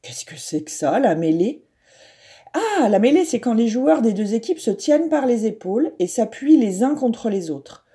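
A woman's voice: a little high, animated, normal speed, dark tone, pitched above the performer's own voice, lightly acted. A woman voicing a sturdy, good-natured schoolboy who plays rugby, talking eagerly in a read-aloud storybook. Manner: eager, enthusiastic.

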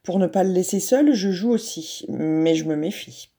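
A woman narrating a children's storybook softly and gently. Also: on the low side, animated, moderate pace, husky.

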